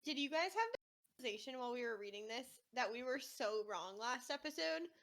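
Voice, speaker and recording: A woman's voice: high-pitched, lively intonation, brisk, a crowd in the background. A woman co-hosting a book podcast, talking casually and emphatically with many fillers. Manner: chatty, emphatic, filler-heavy. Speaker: podcast co-host. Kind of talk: casual book discussion chat.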